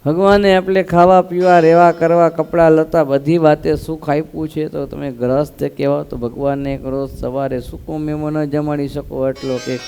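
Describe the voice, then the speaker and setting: A man's voice: a little high, little pitch movement, moderate pace, gravelly, few pauses, warm tone, clean tone. A man, a swami, giving a devotional sermon, telling a story with rhetorical questions and acting out the dialogue. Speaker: swami giving a scripture discourse.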